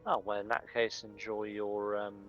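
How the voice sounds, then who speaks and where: A man's voice: on the low side, completely flat delivery, normal speed, fairly bright tone, lo-fi sound, faint music behind. A man chatting on a stream with a friend, making dry teasing remarks. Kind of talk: casual chat.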